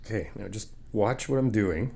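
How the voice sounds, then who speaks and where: With a gravelly, darkish voice on the low side and a normal speaking speed, a man takes the role of a supportive, relaxed buddy helping paint an apartment. The ASMR roleplay is casual, and he chats informally, explaining things in a patient, instructive way.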